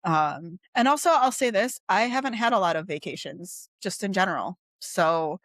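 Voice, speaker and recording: Minnesotan woman co-host, young, chatty and profane, dry close mic, mid pitch. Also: expressive, moderate pace, fairly bright tone, dry recording. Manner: chatty, filler-heavy, swears freely. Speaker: podcast co-host. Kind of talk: casual chat.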